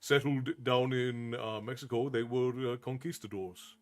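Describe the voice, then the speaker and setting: A man's voice: mid-range voice, fairly even intonation, a little slow. An American-born man hosting a storytelling live stream, casually chatting to viewers and explaining history at length. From United States.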